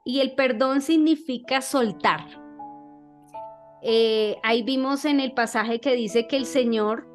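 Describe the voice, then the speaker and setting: A woman's voice: a little high, takes it slowly, soft background music. A woman giving an informal church talk, conversational and checking in with her listeners as she reads and explains scripture. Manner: conversational, checks in with "¿sí?", frequent fillers.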